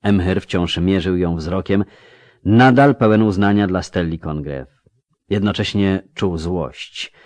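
A man narrating a fantasy audiobook in a measured, even storytelling manner. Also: low voice, no room sound.

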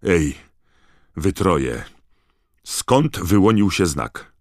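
Worried middle-aged father, slightly trembling voice, deep and gravelly, read by a man. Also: expressive, extremely slow, darkish tone, dry recording, clean studio sound, heavily acted. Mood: urgent. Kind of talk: audiobook character voice.

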